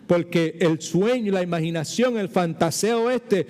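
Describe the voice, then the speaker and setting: A man's voice: sits high, a little slow, darkish tone, long reverb tail. A man, an older Puerto Rican pastor, teaching a Bible study in a chatty, digressive way and mixing English words into his Puerto Rican Spanish. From Puerto Rico. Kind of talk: informal sermon teaching.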